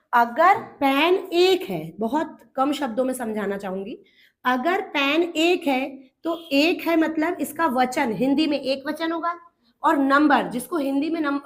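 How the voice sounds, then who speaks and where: A young Indian woman gives a grammar lesson for exam students, with a bright, high voice. She calls her listeners "beta" and talks them through each step. She keeps asking questions and answering them herself. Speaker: English grammar teacher. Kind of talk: exam-prep classroom lesson.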